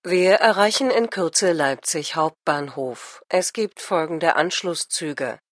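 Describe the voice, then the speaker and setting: A woman reading onboard train announcements slowly and precisely for a listening exercise. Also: on the low side. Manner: precise, formal listing of times. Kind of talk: slow scripted onboard announcement.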